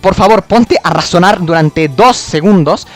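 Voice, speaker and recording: A man's voice: high voice, a little slow, soft background music. A man ranting about spelling rules, exasperated, mocking and full of swearing. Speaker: video creator. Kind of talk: explanatory rant.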